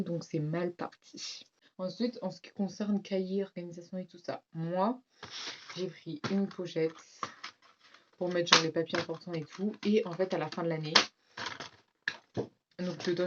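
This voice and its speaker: A teenage vlogger with a French accent and a bit of a cold rambles through her back-to-school haul in a low, slightly stuffy voice, full of fillers and quick asides to viewers. The audio is dull and muffled, with a clear hiss underneath.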